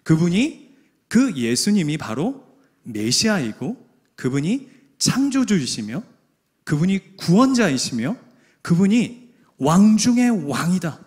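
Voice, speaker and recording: A man's voice: high voice, very animated, takes it slowly, long pauses, a little mellow. A man preaching a sermon in an emphatic way, often putting questions to the congregation. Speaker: pastor.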